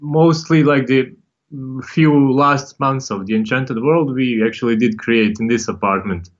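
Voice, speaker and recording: A man's voice: medium pitch, unhurried. A man in his thirties, a game developer answering interview questions hesitantly. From Bosnia. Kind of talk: casual interview over video call. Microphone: video call. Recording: dull video call audio.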